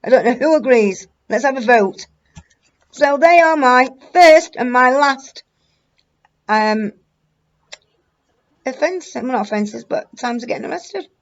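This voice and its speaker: A woman's voice: high voice, lively intonation, a little slow, long pauses, highs cut off. A woman, telling a rambling, blunt, sweary story to her viewers. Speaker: vlogger. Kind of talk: casual storytelling to camera.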